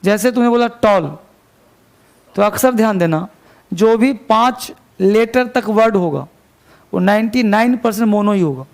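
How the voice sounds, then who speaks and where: Male grammar teacher, high gravelly voice, dictates definitions slowly, quizzes the class. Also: animated. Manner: asks students rhetorical check questions. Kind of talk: classroom lecture.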